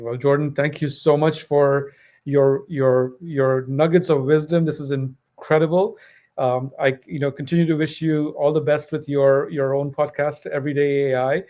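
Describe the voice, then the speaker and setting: A man's voice: a little high, steady tone, moderate pace, warm tone. A man hosting a podcast interview, wrapping up with generous praise and frequent "um" fillers. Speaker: podcast host. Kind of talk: interview conversation.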